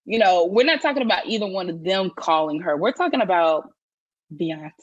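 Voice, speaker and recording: A woman's voice: fairly low pitch, expressive, a little fast, no room sound, dull audio. A woman co-hosting a casual chat podcast, opinionated and emphatic, with frequent restarts. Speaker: podcast co-host.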